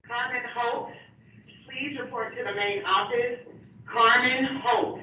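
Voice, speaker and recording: A person making a paging announcement over a school intercom, heard through a loudspeaker in a classroom. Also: mid-range voice, steady tone, takes it slowly, husky, dull audio.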